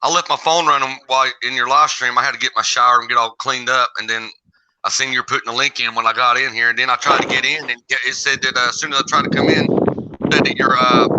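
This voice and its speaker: A man's voice: mid-range voice, fairly even intonation, fast talker, bright, forceful tone. A man chatting casually as a livestream guest, in a folksy, informal manner. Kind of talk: casual chat. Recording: dull lo-fi call audio.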